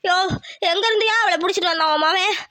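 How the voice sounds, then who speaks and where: A woman's voice: very high-pitched, quick pace, sharp tone, no room sound, studio quality. Woman voicing a wailing old village grandma. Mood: complaining. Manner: wailing, scolding complaints. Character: old village woman with burnt tongue, grumbling.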